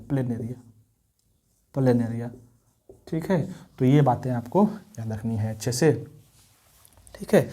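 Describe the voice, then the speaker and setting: A man's voice: mid-range voice, dark tone. A man teaching biology at a board, asking rhetorical questions, answering them himself and repeating key terms. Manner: repeats key terms, mixes Hindi and English. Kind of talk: blackboard lesson.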